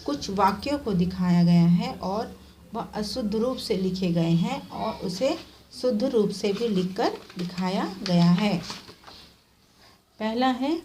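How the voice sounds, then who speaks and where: A woman teaching children at a very slow, deliberate pace. She says each word, then repeats it the correct way, and often ends a point with a quick "okay." A faint noise runs under the voice, and her pitch sits in an ordinary middle range. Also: mellow, low-quality recording. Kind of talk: slow classroom explanation of spelling.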